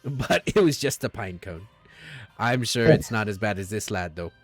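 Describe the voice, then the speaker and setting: A man voicing an old, bow-legged male dwarf leader who spins rambling, chummy yarns in a rough folksy accent. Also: on the low side, lively intonation, normal speed, faint music behind. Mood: jovial. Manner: chummy, rambling yarn-spinner.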